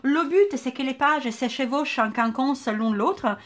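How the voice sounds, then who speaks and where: A woman's voice: high voice, a little slow. A woman with a southern French accent hosting a live craft tutorial, chatting and greeting viewers by name as she works. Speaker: scrapbooking tutorial host.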